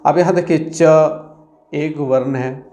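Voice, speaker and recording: Male teacher for an exam-prep lesson; unhurried, a touch high-pitched, methodical and repetitive. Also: steady tone, warm tone. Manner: slow, counting syllables aloud, frequent "theek hai" checks.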